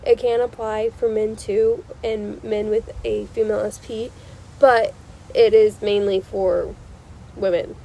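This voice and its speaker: A woman's voice: medium pitch, little pitch movement, unhurried, creaky, mellow, rough recording. A young woman hosting a casual advice vlog with a stuffy nose, talking in an emphatic, insistent and reassuring way and repeating herself for emphasis. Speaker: channel host. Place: outdoors on a porch. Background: passing cars.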